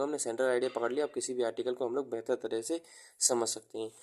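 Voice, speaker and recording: Man teaching slowly, flat mellow voice. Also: mid-range voice. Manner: explains slowly, repeats key terms while writing them down; mixes Hindi with English terms. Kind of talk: exam-prep lecture.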